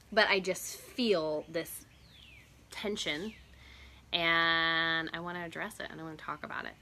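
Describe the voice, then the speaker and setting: Bright-voiced chatty woman outdoors. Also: fairly low pitch, a little hiss or hum. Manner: chatty, greets viewers by name, laughs often. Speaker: host of a live stream. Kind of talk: casual live-stream chat. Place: outdoors on a porch.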